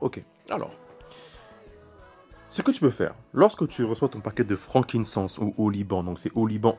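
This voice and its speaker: A young man with a fairly low voice preaches in a loose, conversational way, telling his own story. He circles back, repeats words and restarts his sentences, speaking directly to the listener. Soft music plays faintly behind him. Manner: rambling, repeats words and restarts phrases often; talks straight to the listener, casual and chatty. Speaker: preacher styling himself a prophet. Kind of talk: informal spiritual teaching and personal testimony.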